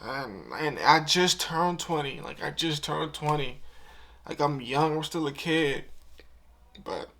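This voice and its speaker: A man's voice: a little high, slow pace, gravelly, a bit bright. A young man of twenty talking to camera in a heartfelt, emotional vlog, earnest and casual, often repeating himself. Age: 20s. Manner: casual slang-filled talk. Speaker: YouTuber.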